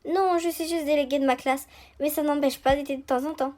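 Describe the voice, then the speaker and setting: A woman's voice: high voice, steady tone, a little fast, darkish tone, lightly acted. Polite schoolgirl delegate Mélodie, read by a woman. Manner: polite and earnest.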